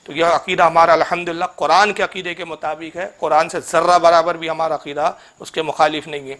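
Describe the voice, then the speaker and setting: A man's voice: a little high, flat delivery, fast, a bit bright. A man giving a polemical religious lecture, reproachfully addressing his opponent and chanting Arabic verses. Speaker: Islamic cleric.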